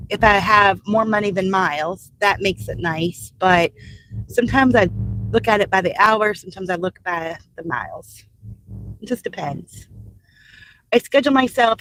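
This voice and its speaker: Driving deliveries in her car, this older Louisville-area woman from the United States rambles on a live stream and replies to comments from her chat. Her mid-range voice sounds slightly stuffed up from allergies, and the low-quality recording has a faint hiss or hum.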